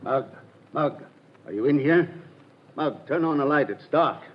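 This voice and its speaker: An actor playing an anxious crime boss calling out in a 1940s radio drama. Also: male voice, on the high side, animated, unhurried, soft background music. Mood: uneasy. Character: uneasy male crime boss. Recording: dull, noisy old radio recording.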